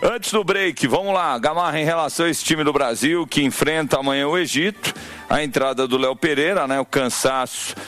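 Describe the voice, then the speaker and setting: A man hosting live sports radio, briskly reading out listener messages and giving the time. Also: fairly high pitch, a bit bright, soft background music.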